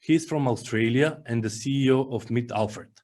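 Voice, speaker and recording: A man's voice: medium pitch, normal speed, darkish tone. A man hosting an interview series on a video call, asking the guest questions and reacting briefly. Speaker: host.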